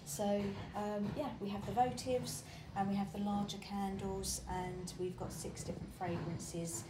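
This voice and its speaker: A woman showing customers around her small shop, chatty and relaxed with plenty of ums. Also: mid-range voice, unhurried. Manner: chatty and relaxed, many fillers like um and uh. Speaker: shop owner giving a tour. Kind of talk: casual walk-through shop tour. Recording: echoey shop room with clear background noise.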